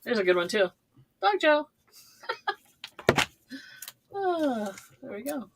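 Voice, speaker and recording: A woman's voice: fairly high pitch, big pitch swings, very slow, heavy background noise. A woman co-hosting a live online sale from a basement, talking on a video call in a chatty, playful way. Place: basement room.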